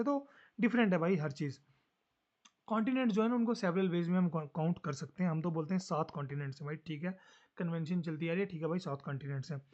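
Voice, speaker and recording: A man teaching a social studies lesson fast and casually, mixing Hindi with English terms. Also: sits high, a little mellow, highs cut off.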